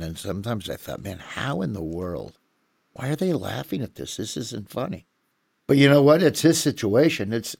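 A man chatting casually and telling stories, animated and laughing often. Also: medium pitch, no echo, studio quality. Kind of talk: casual chat.

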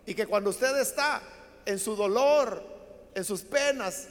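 A man's voice: sits high, unhurried, long reverb tail. A man preaching a sermon, telling Bible stories dramatically and acting out the voices of the people in them. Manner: dramatic storytelling, acts out quoted voices.

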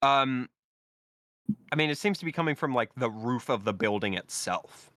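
A man's voice: medium pitch, expressive, pushed and bright, no room sound, studio quality. Laid-back man running a tabletop game. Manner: casual, laughing easily, halting with fillers. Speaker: game master.

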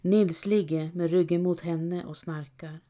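A woman narrating a novel excerpt in a calm, measured reading. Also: lowish voice. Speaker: audiobook narrator. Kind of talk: scripted narration.

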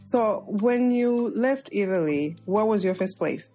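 A woman's voice: medium pitch, animated, a little slow, mellow, soft background music. A woman hosting an interview, asking her guest questions in an encouraging way. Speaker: podcast host. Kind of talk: remote interview conversation.

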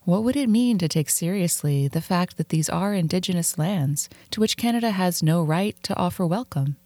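Low-voiced woman podcast host. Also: animated, mellow, no room sound. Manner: measured, read from script. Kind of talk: scripted podcast narration. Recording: music playing underneath.

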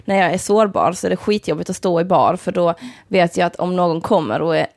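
A young woman in casual chat, telling lively stories with swearing and laughter. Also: fairly low pitch, gravelly, no echo, clean studio sound. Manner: vivid storyteller, swearing, laughing.

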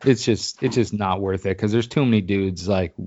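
A man telling loose, profane stories in casual conversation, his voice sitting low. The recording sounds a little dull and muffled. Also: normal speed, darkish tone. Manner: profane, rambling storyteller. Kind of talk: casual chat.

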